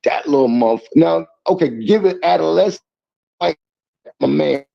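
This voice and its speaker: A man's voice: fairly high pitch, lively intonation, normal speed, gravelly, dull audio. A man making his point step by step in a casual group discussion, his voice coming through a choppy call that keeps breaking up. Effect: choppy call audio breaking up.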